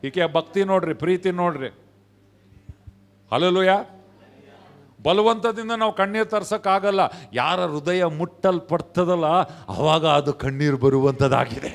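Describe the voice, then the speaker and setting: A man with a high, ringing voice preaches in a Kannada accent. He moves from soft, quick asides to loud shouts of praise. He talks straight to his church congregation. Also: gravelly. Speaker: pastor. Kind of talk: sermon.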